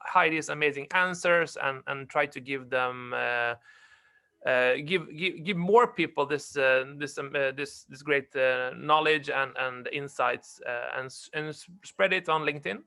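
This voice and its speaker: Guy co-hosting a zoom event, gravelly bright voice, keeps tripping over words. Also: mid-range voice, a little slow. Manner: stumbling, repeats words. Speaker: event co-host. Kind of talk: webinar co-hosting. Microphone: video call.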